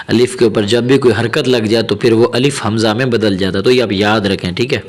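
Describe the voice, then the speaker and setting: Guy teaching quran reading, patient, says each sound slow and over and over, keeps checking you got it. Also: lowish voice, steady tone. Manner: drills syllables slowly and repeats each one several times; patient explaining with frequent "theek hai" check-ins. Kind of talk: recorded tajweed lesson.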